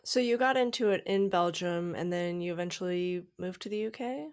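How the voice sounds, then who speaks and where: A woman's voice: on the low side, moderate pace, no room sound, studio quality. A woman hosting a climbing podcast, reading her intro, then chatting in an encouraging, upbeat way. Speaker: podcast host. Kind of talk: scripted intro, then casual interview.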